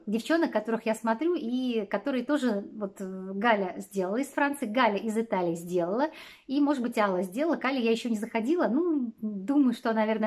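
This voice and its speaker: A woman in her forties from Russia talks casually to a camera set close in front of her, in a slightly high voice. She rambles along with many fillers and little laughs, recorded in a small wood-panelled room. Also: a little mellow. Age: 40s. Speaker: vlogger.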